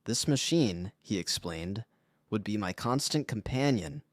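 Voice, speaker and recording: A low-pitched man telling his own story in scripted first-person narration. He sounds somber and confessional. The recording is close and dry, with no room sound. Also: animated, measured pace, no room sound.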